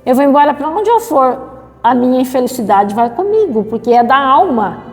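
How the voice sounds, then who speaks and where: Brazilian woman giving a slow spiritual talk. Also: high-pitched, very animated, big-room sound, soft background music. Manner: slow, measured, repeats phrases, tag questions. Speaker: spiritist lecturer. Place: spiritist center hall.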